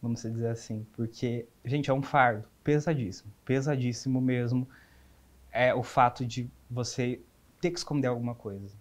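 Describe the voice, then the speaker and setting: At a moderate pace, a young man in his twenties speaks in a mid-range voice with fairly even intonation and a Brazilian Portuguese accent. Interviewed as a guest, he candidly and earnestly discusses his life, with many restarts.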